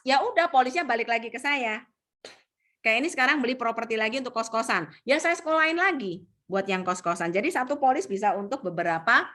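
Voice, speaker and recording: A woman training insurance sales agents in an animated coaching talk, mixing in English phrases and acting out what clients say. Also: fairly high pitch. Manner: acts out client voices.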